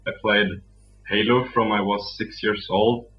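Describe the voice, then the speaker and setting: Young Swedish-accented man, soft-spoken and relaxed, interview guest, muffled low-fi audio. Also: a little slow, faint music behind. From Sweden. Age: young adult. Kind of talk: casual interview.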